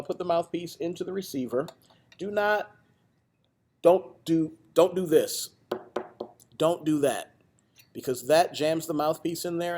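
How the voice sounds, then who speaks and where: A man's voice: on the high side, darkish tone. A man, a music teacher, giving a direct step-by-step trumpet lesson to students on video. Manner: patient, direct, counts aloud with students.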